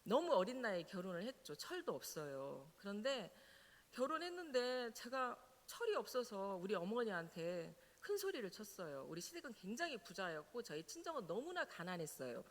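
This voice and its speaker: A middle-aged woman pastor, telling her own story in a sermon as an animated storyteller who laughs now and then. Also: mid-range voice, normal speed. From Jeolla, South Korea. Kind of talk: personal testimony in a sermon. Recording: reverberant church hall.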